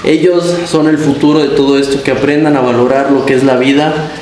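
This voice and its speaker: A young Mexican man gently coaxing his toddler in sing-song baby talk while he shows her his animals. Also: medium pitch, steady tone, a little fast. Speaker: exotic animal keeper and channel host. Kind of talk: casual vlog narration. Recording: echoey room with loud background noise.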